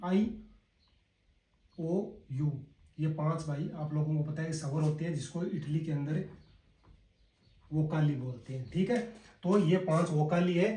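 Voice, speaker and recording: A man with a Hindi accent teaching a casual spoken lesson, drilling words slowly one by one and calling his viewers brother. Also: a little high, dark tone. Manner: slow and repetitive, drilling words one by one, addresses viewers as "bhai". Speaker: language teacher. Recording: echoey room, voice a bit far from the mic.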